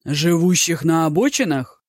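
A narrator voicing a blunt, gruff male court officer. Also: medium pitch, lively intonation, moderate pace, a little mellow, no echo, clean studio sound, close to an everyday voice.

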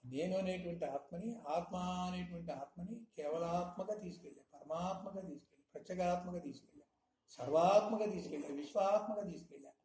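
A man teaching a spiritual discourse in a mellow, slightly high voice. He presses his points with rhetorical questions. The recording is roomy and echoey, with a faint hiss underneath. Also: fast talker. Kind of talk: satsang discourse. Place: hall in Hyderabad. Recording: echoey room, faint noise.

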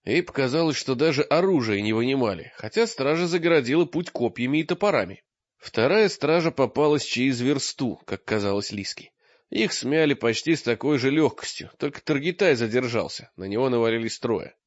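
A man reading an audiobook in expressive scripted narration, recorded with a dull lo-fi sound. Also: medium pitch, a little fast, no room sound. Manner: lively, expressive storytelling.

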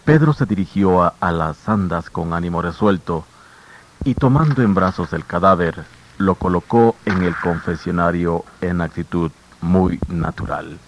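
In the manner of an old radio show, a male narrator solemnly tells a grim tale with measured, grave storytelling. His very low voice moves unhurriedly through the scripted dramatic narration, and the muffled recording carries a faint hiss, like a vintage broadcast.

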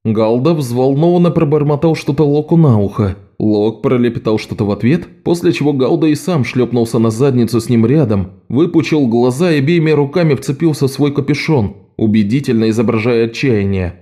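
A man reading a novel aloud as a measured, steady audiobook narrator. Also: mid-range voice. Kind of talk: scripted narration.

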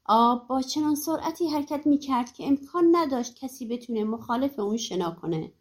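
A woman narrating folk tales for an audiobook in a lively, animated storytelling manner. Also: high voice.

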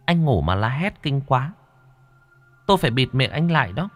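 A man voicing a calm, watchful spirit that gives quiet warnings in a spoken horror story. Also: mid-range voice, moderate pace, soft background music, pitched above the performer's own voice. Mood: hushed warning. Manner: hushed and cautioning.

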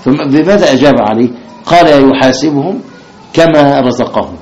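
A man's voice: medium pitch, moderate pace, a little mellow. Man teaching a class in a roomy hall. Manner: repeats questions to the class, many fillers and restarts. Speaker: sheikh teaching new Muslims. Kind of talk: religious lesson. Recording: dull roomy classroom recording with faint noise.

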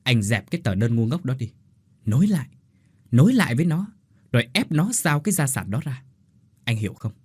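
Male narrator as a scheming sister-in-law, hurried and insistent, husky. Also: mid-range voice, big pitch swings. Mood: pushy. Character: scheming, pushy adult woman, greedy sister-in-law.

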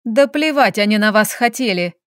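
Audiobook villainess: spiteful young colleague, scornful and cutting, read by a woman, fairly high-pitched. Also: measured pace, dry recording, studio quality, lightly acted. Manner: scornful, hissing, mocking.

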